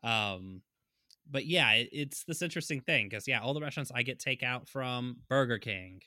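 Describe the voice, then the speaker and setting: A man chats on a podcast in a loose, rambling way, chuckling now and then. His voice is mid-pitched and bright. The recording is dry and close. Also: lively intonation, normal speed, no echo. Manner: rambling, chuckling, many fillers. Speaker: podcast co-host. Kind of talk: casual political chat.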